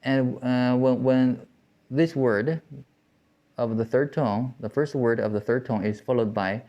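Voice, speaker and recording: A man teaching Mandarin tones, explaining slowly with frequent restarts and pauses. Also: mid-range voice, lo-fi sound. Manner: halting, with many restarts and fillers. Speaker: Chinese language teacher. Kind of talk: slow explanatory lesson.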